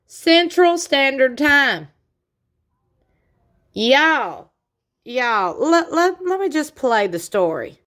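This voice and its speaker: Bright, high-voiced woman vlogger. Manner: sassy, folksy asides. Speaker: vlogger commenting on trial news. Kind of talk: news recap with casual commentary.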